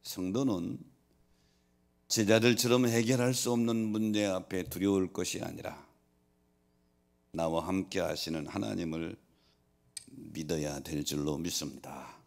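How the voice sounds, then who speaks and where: Male pastor, low gravelly voice, preaching with loud emphatic scripture quotes and soft asides. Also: measured pace, long pauses. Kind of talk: sermon.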